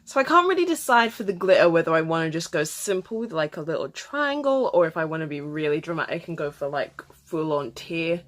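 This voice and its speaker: A woman vlogger talking through a makeup tutorial step by step in a chatty way, sometimes dropping to a soft murmur while she concentrates. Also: low voice, sing-song, brisk, few pauses.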